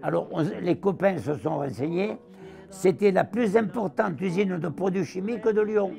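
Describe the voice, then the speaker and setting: Soft background music accompanies a high-pitched, moderately paced interview with a southern French war veteran in his nineties. Gravelly and strongly accented, he tells his wartime stories with animation, performing the voices of the people he quotes.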